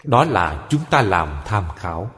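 A man teaching a Buddhist sutra lecture, speaking in short, deliberate, measured clauses. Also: deep voice, big pitch swings, a bit bright. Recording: long hall reverb.

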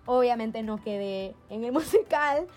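A young woman from Panama telling stories in a casual chat, animated and laughing, acting out what others said. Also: a little high, unhurried, faint music behind. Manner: animated storyteller, acts out quoted voices, laughs often.

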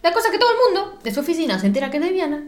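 A young woman with a Rioplatense Spanish accent, co-hosting a casual chat and retelling a film plot in an animated, giggly way, acting out the lines. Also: extremely high pitch, racing. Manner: animated storytelling, giggly, acts out quotes. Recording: echoey room.

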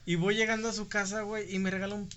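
A man's voice: high-pitched, level tone, fast talker, over a noisy crowd. A man with a Mexican accent chatting casually and telling anecdotes among friends, with plenty of slang and swearing. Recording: clear background noise, clicks.

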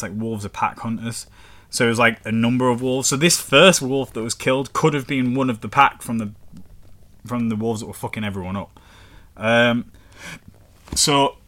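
A man's voice: mid-range voice, a bit bright. A man with a northern English accent, chatting casually and swearing as he reads out history facts. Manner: rambling and sweary, reading facts aloud. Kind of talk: casual chat.

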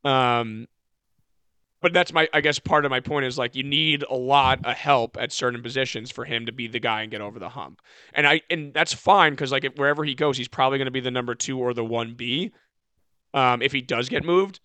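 A man's voice: mid-range voice, brisk, bright, forceful tone, smooth, no room sound. A man co-hosting a sports podcast, rambling in casual chat and often correcting himself as he goes. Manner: rambling, self-correcting, many "like" fillers. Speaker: podcast co-host.

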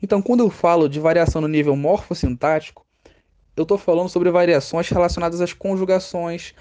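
A man's voice: fairly high pitch, fairly even intonation, a little fast, darkish tone. A man with a Brazilian Portuguese accent explaining a lesson on a podcast, asking questions aloud and answering them himself. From Rio de Janeiro, Brazil. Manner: asks and answers his own questions. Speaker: teacher.

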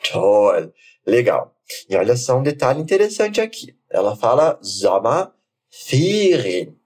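A man teaching German, saying phrases slowly for the learner to repeat and then explaining them quickly. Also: medium pitch, big pitch swings, a little mellow. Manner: slow, deliberate model phrases alternating with quick explanations. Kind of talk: language lesson with repeat-after-me drills.

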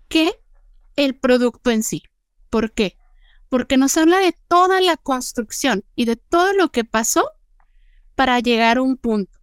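A woman co-hosts a thoughtful podcast conversation, her high, clean voice earnest and unhurried. The recording is dry and close, with no room around her. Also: clear, resonant tone, no room sound. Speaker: podcast co-host. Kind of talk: reflective casual chat.

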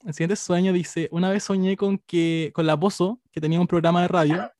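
A man's voice: high-pitched, steady tone, brisk, a little mellow, no echo, clean studio sound. Playful Chilean man reading dreams aloud. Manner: playful, laughs often, slangy. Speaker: podcast co-host reading listener dreams. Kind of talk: casual chat, reading messages aloud.

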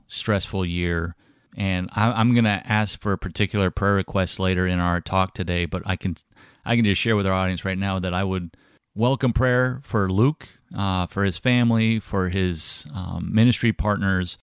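A man hosts an interview podcast with a low, smooth voice. He asks his questions in an earnest, measured way. The recording is close and dry, with no room sound. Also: no room sound. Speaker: podcast host.

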